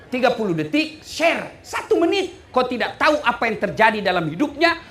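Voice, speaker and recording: A male preacher, giving a humorous sermon to a live audience, with loud bursts of emphasis and snatches of sung song. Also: extremely high pitch, sing-song, brisk.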